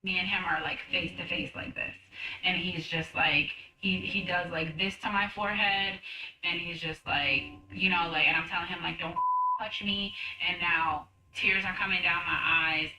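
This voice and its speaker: A woman's voice: on the low side, fairly even intonation, moderate pace, pushed and bright, reverberant, far from the mic, slight background noise, low-quality recording. A woman, a former personal chef, telling her story in a documentary interview in a candid, reflective way.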